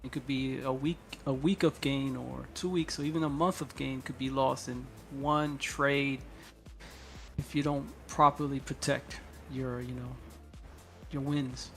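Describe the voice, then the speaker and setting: A man joining a live trading stream in casual chat, agreeing softly and adding his own points. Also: mid-range voice, steady tone, a little slow, vocal fry, faint music behind. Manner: agreeable, soft-spoken asides.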